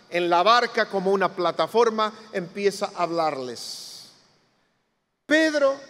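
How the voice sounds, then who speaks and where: A man's voice: sits high, fairly bright tone, in a large hall. A man preaching a sermon as pastor, telling the story dramatically and acting out the voices he quotes. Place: church hall.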